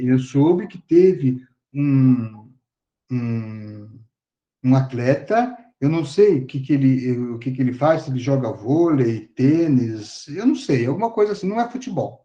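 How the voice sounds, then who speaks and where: Chatty male professor with a dark, muffled voice. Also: mid-range voice. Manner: conversational, many fillers and tag questions. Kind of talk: online class lecture.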